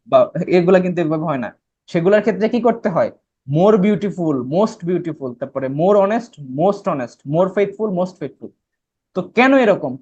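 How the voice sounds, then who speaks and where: A man's voice: high voice, a little mellow, dull audio. A man with a Bangladeshi accent teaching English grammar in an online class, explaining step by step and checking that students follow. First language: Bengali. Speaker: admission test English teacher.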